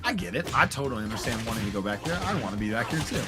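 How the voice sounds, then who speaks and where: Man commentating a fighting game match. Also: lowish voice. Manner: analytical, talks fast in bursts, excited outbursts. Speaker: esports commentator. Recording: game music behind the voice. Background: game music.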